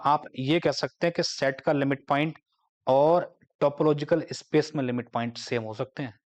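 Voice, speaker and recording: A man giving a math lecture, explaining step by step and slowing down to dictate definitions. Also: medium pitch. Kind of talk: classroom lecture.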